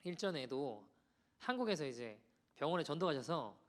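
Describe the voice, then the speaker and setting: A man preaching a sermon as pastor, conversational and animated as he tells a story to the congregation. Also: fairly high pitch, moderate pace. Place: church sanctuary.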